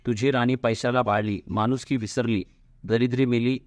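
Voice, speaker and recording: A man's voice: mid-range voice, steady tone, normal speed, darkish tone, no room sound, close to an everyday voice. A man voicing a poor old woman, a goddess in disguise, who speaks sternly and reproachfully. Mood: indignant.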